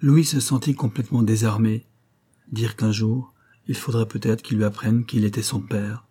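Low, husky male audiobook narrator. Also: fairly even intonation, moderate pace, warm tone. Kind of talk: scripted narration.

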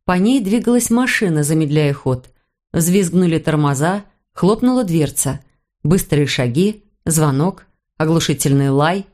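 A woman reads a suspense novel aloud in the first person. Her delivery is calm and measured, and her voice sits slightly low. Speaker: audiobook reader. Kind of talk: scripted narration.

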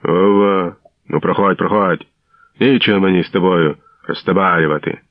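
Man doing a rude tsarist gendarme, mustached, barking, mocking, loud, deep, dry, lo-fi radio sound. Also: steady tone, normal speed, no echo, lightly acted. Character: coarse mustached male tsarist gendarme, bullying. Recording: dull lo-fi radio recording.

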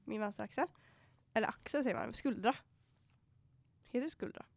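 A woman's voice: on the high side, gravelly, no echo. Young Swedish-speaking woman telling a wild story. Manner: animated storytelling, quoting herself; swears freely, mixes in English. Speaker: podcast co-host. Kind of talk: casual chat.

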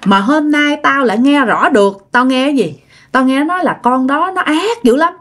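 A woman's voice: high voice, lively intonation, moderate pace, a bit bright, pitched above the performer's own voice. A woman voicing a frightened, feverish old great-grandmother with a Southern Vietnamese accent, crying out in repetitive, pleading exclamations. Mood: terrified.

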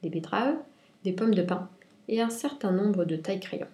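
A woman reviewing and reading a children's picture book aloud in clear, expressive storytelling. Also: mid-range voice, normal speed, very noisy. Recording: roomy echo.

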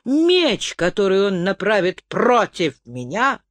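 An angry young knight, as a male narrator plays him, scolds his sister in a harsh, accusing voice. His pitch moves in animated leaps. The storybook reading sounds dry and close. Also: slow pace, no echo, exaggerated voice. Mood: furious.

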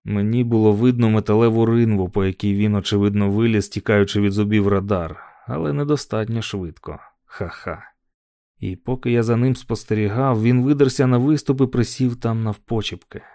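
A man reads a story aloud in an even, measured telling. His voice is dark and mellow and sits fairly low, and the sound is dry and close with no room around it. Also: no echo. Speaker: audiobook narrator. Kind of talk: scripted audiobook narration.

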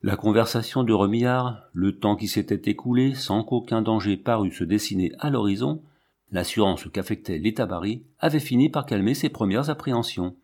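A man reading a novel aloud as narrator, with a dramatic, expressive delivery. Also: on the low side, normal speed. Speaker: audiobook narrator. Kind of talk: scripted narration.

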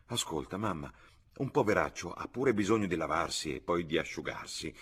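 A man's voice: low-pitched, expressive, normal speed, a bit bright, slightly rough, full character voice. Man doing a cheeky grumbling young lad. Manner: casual, grumbling.

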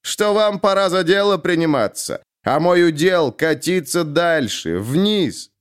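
A man's voice: on the high side, lively intonation, unhurried, clean tone, pitched above the performer's own voice. Man voicing a drunk captain declaiming poetry. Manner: slurring, theatrical poetry recital. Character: drunk male police captain reciting poetry. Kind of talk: audiobook character voice.

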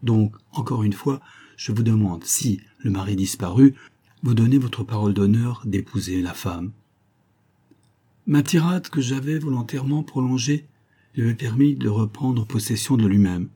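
A man reading a classic story aloud as an audiobook, in a measured, cold and commanding manner. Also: medium pitch, warm tone, breathy edge. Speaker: audiobook narrator.

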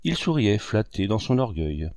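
A man narrating a classic novel as an audiobook, in a measured, expressive reading. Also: on the low side, no echo, studio quality. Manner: measured, expressive reading with wide rises and falls.

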